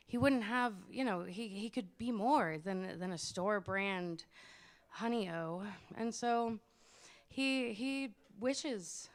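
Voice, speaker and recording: Woman doing standup for a crowd, casual rambly story, stops and starts. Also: mid-range voice. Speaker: stand-up comedian.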